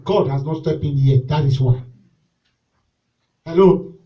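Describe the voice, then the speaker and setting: A man preaching at a church service with a noticeably high voice. He leads call-and-response lines and swings from shouted exhortation to soft pleading. The sound is picked up from some distance away. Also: unhurried, highs cut off. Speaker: pastor.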